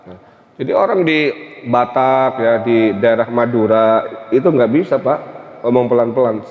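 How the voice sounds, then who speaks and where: A man's voice: medium pitch, moderate pace. A man from Tegal with a Tegal Javanese accent, giving a conversational religious lecture, often tagging phrases with "ya" and "Pak". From Tegal, Central Java. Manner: conversational, many "ya" and "Pak" tags. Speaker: Islamic teacher. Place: mosque hall. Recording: echoey hall, dull sound.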